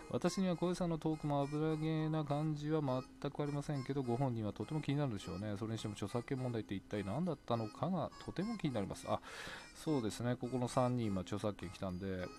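A man's voice: mid-range voice, fast, music in the background. A man hosting his own talk podcast, rambling casually and chuckling to himself as he looks back on past episodes. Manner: chatty, rambling, laughs to himself. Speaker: podcast host. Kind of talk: solo talk radio looking back.

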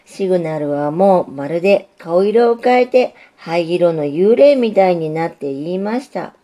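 A woman narrating a storybook in a calm, measured reading. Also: on the low side.

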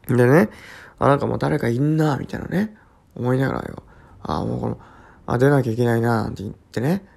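A man's voice: medium pitch, gravelly, darkish tone, husky. A sleepy man hosting his own talk show, telling a rambling, repetitive story full of sound words in a casual solo chat. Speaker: podcast host.

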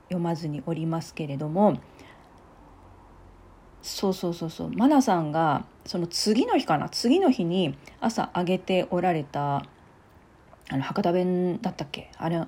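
A woman hosting her own podcast, chatting casually and softly with little laughs and asides. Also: lowish voice, unhurried, breathy edge. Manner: chatty, soft-spoken, giggly asides. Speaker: podcast host. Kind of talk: casual solo talk.

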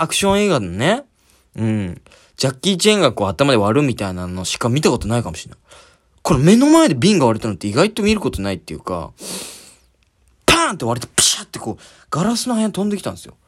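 A man hosting a podcast, telling a story in a casual monologue and acting out scenes with sound words. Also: mid-range voice. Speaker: podcast host.

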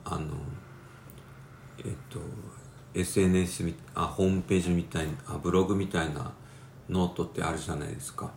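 A man's voice: sits low, little pitch movement, brisk, a little mellow. Stuffy-nosed guy rambling solo, lots of fillers, roomy echo, faint hiss behind. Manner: rambling, hesitant, many fillers. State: congested, nasal from a cold. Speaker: podcast host. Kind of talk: casual solo talk. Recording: roomy with faint background noise.

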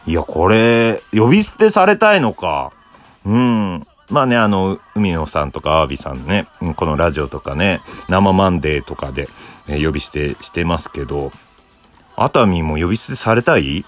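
A man's voice: big pitch swings, moderate pace. A man hosting a casual solo talk show, reading listener letters and laughing at himself in a bashful way. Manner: bashful, laughs at himself, drifts between low murmurs and high bursts.

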